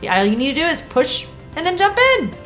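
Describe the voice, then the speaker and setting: Animated woman telling stories. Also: high-pitched, fairly quick, faint music behind, low-quality recording. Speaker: friend of interviewee. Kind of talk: casual interview talk.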